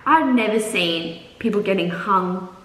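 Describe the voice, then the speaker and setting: A young adult woman telling personal stories in a casual, animated, dramatic way as the host of her channel. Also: medium pitch, a little slow. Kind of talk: casual chat, storytelling. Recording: roomy echo, distant mic, noisy background.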